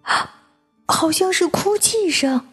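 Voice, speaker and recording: An eager little chick boy from a storybook, voiced by a woman. He speaks high above the reader's own voice, bright and excited. Soft music plays under him. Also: a little fast.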